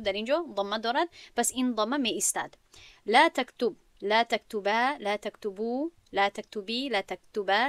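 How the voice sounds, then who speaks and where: A woman's voice: mid-range voice, fairly bright tone, no echo. Tajik woman methodically teaching grammar. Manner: methodical, recites conjugation tables aloud. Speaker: Arabic teacher. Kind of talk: recorded grammar lesson.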